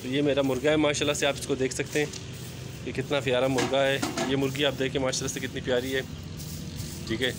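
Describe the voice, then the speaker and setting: A man's voice: medium pitch, level tone, fast talker. A man gives a casual, chatty walk-through of his rooftop yard, often repeating filler phrases. He films on a handheld phone camera outdoors. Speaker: poultry vlogger. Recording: outdoor ambient noise.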